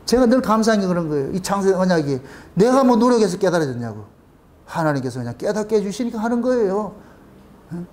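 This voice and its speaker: A middle-aged man preaching a sermon, his voice sitting high and leaping widely in pitch. He talks to his congregation in a loose, chatty style, throwing out rhetorical questions and laughing now and then. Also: sing-song, quick pace, darkish tone. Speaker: pastor.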